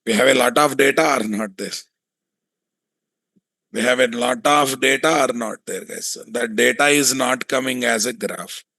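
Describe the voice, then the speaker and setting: A man with a Telugu Indian accent giving a hands-on software tutorial, thinking aloud, repeating himself and often putting questions to his students. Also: mid-range voice, measured pace, gravelly, no echo. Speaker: software testing instructor.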